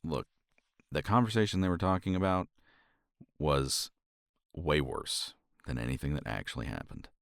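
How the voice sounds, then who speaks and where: Close to the mic, a man speaks tenderly and reassuringly to a partner in a romantic ASMR roleplay of intimate soft talk. His very deep, gravelly voice moves at a normal speed, with no echo.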